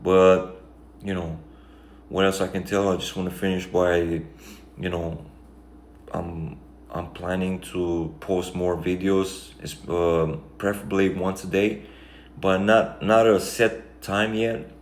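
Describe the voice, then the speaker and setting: A man's voice: low-pitched, level tone, takes it slowly. A man from Romania with a Romanian accent, talking through a reflective, rambling life update full of fillers. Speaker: vlogger. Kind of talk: casual life-update monologue. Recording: echoey room, faint background noise.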